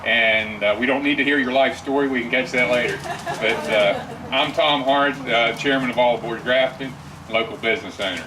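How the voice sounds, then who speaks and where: A man chairing a community meeting, speaking haltingly with frequent filler words. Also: mid-range voice. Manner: halting, many filler uhs, friendly. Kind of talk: casual public address. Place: meeting room. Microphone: distant room mic. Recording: distant mic with background noise.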